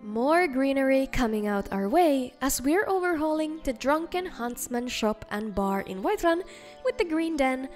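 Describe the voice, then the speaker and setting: A woman narrates a video game showcase in a high-pitched voice. She reads from a script as the host, with soft music playing faintly underneath. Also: lively intonation, moderate pace. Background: faint background music.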